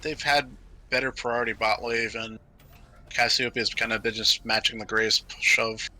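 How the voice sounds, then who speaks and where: A man casting a video game match, talking through the action in brisk, analytical play-by-play with frequent fillers. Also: medium pitch, flat delivery, pushed and bright. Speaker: esports caster. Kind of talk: play-by-play commentary.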